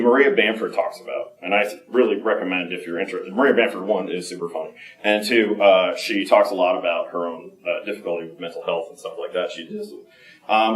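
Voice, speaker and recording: A man giving a candid personal talk at a conference, halting and full of fillers and restarts. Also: sits low. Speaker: conference speaker. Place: conference room. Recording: echoey room, mic from a distance.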